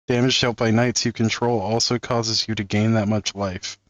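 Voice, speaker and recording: A man's voice: lowish voice, fairly even intonation, normal speed, dry recording, muffled recording. A man hosting a card-opening video, reading card text aloud in a casual, amused way and chuckling often. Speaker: card-opening channel host.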